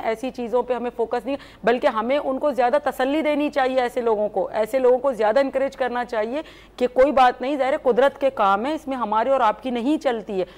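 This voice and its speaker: A woman's voice: sits high, darkish tone. A woman guest on a studio talk show from Pakistan, speaking in an earnest, indignant way and often agreeing with the host.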